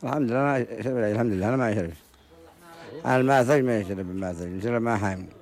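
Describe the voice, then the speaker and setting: Yemeni guy talking super fast in short bits, repeats himself, at a market. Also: on the low side, darkish tone. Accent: Yemeni Arabic. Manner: short, repetitive answers. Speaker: guest. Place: outdoor market.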